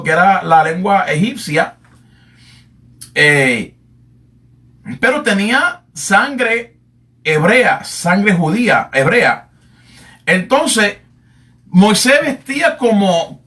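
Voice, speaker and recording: A man preaching a Bible lesson in sermon style, repeating himself, filling pauses and calling his listeners beloved. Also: sits high, fairly bright tone, recorded from a distance. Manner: repetitive, addresses listeners as "amado", many fillers.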